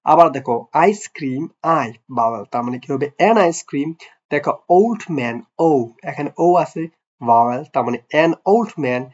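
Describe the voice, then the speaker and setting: A man teaching a grammar lesson to young pupils, often asking "clear?" and quizzing them with playful, affectionate words. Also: mid-range voice, animated, a little fast. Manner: repeats "clear?" and quizzes the listener; affectionate, teasing address to pupils. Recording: dull lo-fi recording.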